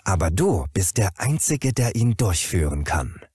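A man's voice: sits low, sing-song, measured pace, darkish tone, husky, no room sound, clean studio sound, exaggerated voice. A man voicing an anxious male smart fridge in a spoken story, talking in an urgent, earnest way. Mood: determined.

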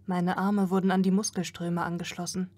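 A woman reading a calm, grave half-machine man. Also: fairly low pitch, a little fast, no room sound, natural voice.

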